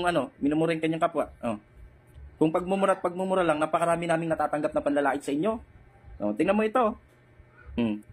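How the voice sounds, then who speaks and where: Husky, taunting man reading out chat replies. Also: on the high side. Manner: taunting, confrontational, repeats himself. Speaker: online religious debate commentator.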